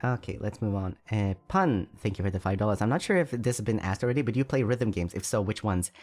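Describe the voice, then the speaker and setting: A man's voice: on the low side, expressive, quick pace, darkish tone, soft background music. A man streaming casually, reading donations aloud and answering chat, chatty and self-deprecating, often stumbling over his words. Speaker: VTuber streamer.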